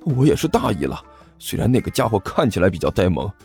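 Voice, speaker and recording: A man's voice: lowish voice, big pitch swings, fast talker, gravelly, a little mellow, soft background music. A man voicing a chubby, cheeky schoolboy who talks in a sly, teasing, sing-song way. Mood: worried.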